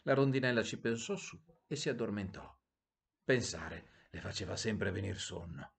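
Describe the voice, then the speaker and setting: A man, a priest, narrating a bedtime story in an expressive, sing-song storytelling manner. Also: fairly low pitch, normal speed, creaky. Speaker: priest telling bedtime stories.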